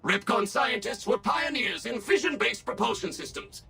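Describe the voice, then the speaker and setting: Too-smooth servile android guide. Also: male voice, sits high, moderate pace, sharp tone, soft background music, full character voice. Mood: chipper. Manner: courteous, eager-to-serve, scripted. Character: smooth, overly polite male robot tour guide. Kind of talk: video game voice acting.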